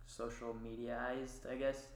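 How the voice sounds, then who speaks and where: A man speaking hesitantly in a casual group discussion, with many "um"s and pauses. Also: mid-range voice, flat delivery. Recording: echoey room.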